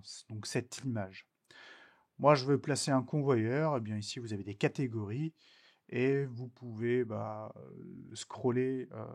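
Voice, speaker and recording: A man from France giving a screen-recorded software tutorial, talking slowly and hesitantly with many filler sounds as he explains each step. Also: medium pitch. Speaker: technical instructor.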